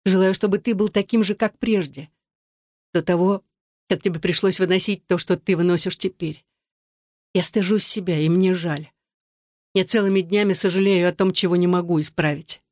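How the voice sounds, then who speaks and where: A reader voicing a gentle young wife who pleads in soft, tearful whispers, in an audiobook. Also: female voice, on the low side, fairly even intonation, moderate pace, no echo, clean studio sound, lightly acted. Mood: tender. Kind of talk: audiobook dialogue.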